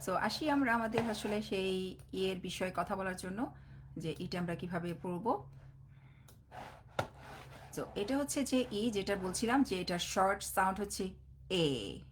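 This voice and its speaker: A woman, a phonics teacher giving a live online class, mixing in English words and slowly drawing out each letter sound. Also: medium pitch, animated, noisy background. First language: Bengali. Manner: slow, drawn-out sounding of letters; mixes English words into explanations.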